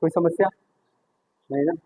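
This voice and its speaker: A man's voice: moderate pace, warm tone, slight background noise, low-quality recording. A male teacher giving a classroom history lesson, chatty and joking as he quizzes students. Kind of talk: classroom lecture.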